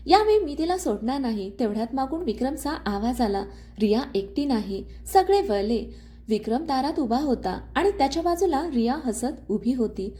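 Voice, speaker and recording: A woman's voice: a little high, expressive, moderate pace, mellow. A woman reading a dramatic family story aloud as a storyteller, voicing all the dialogue herself. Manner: reads all the characters' dialogue in her own voice. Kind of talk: scripted story narration.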